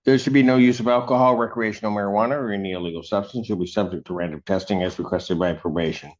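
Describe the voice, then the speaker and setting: A man serving as judge, reading out sentencing and court orders in a measured, formal way, heard in a courtroom recording. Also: lowish voice, fairly even intonation. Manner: measured, formal, with occasional fillers. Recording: dull, lo-fi courtroom audio.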